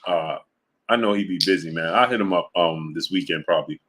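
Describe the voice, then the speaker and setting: A man's voice: sits low, fairly quick. A man hosting a sports live stream, chatting casually, reading out super chats and retelling stories with lots of laughter. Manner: animated storytelling, reads super chats, laughs often. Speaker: sports channel host.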